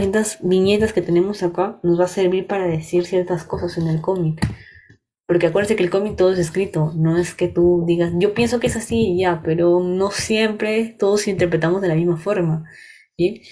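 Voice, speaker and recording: Mellow-voiced woman teaching a workshop. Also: lowish voice, steady tone, moderate pace, a little hiss or hum. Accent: Peruvian Spanish. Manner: explains step by step, often checks understanding. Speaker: workshop instructor. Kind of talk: online workshop lecture.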